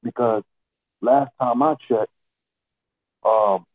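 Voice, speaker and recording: A man's voice: mid-range voice, takes it slowly, no room sound. A man speaking in an online audio chat room through a headset. He sounds muffled, as if through a wall, and lectures insistently with repeated rhetorical questions. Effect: muffled, dull sound as if through a wall. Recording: muffled, tinny headset line with a dry sound.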